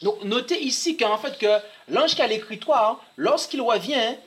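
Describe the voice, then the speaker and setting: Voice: medium pitch, lively intonation, measured pace. An interpreter translating a sermon phrase by phrase and reading quoted passages aloud, sometimes restarting words.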